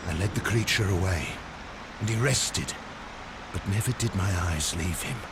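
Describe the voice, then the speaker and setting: An actor playing a dutiful soldier in a game, recounting events in a formal, measured way. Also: male voice, deep voice, very noisy. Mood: solemn recounting.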